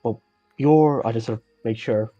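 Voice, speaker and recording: A man's voice: medium pitch, moderate pace, mellow, no room sound, soft background music. Rambling male player on a dull call. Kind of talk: casual tabletop role-play.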